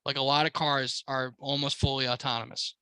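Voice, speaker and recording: A man's voice: mid-range voice, level tone, a little fast, sharp tone, clear, resonant tone, dry recording, low-quality recording. An American man co-hosting a casual podcast, talking like a slangy, swearing frat bro. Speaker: car podcast co-host.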